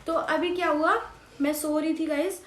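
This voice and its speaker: A young woman vlogger with a high, bright-pitched voice rambles through her story to camera, circling back and repeating herself. The sound bounces around an echoey room. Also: little pitch movement, moderate pace. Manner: rambling, chatty, full of fillers and repeats.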